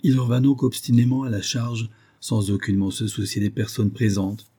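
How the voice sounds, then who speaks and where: A man narrating a classic novel as an audiobook in a measured storytelling manner. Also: on the low side, steady tone, dark tone, husky.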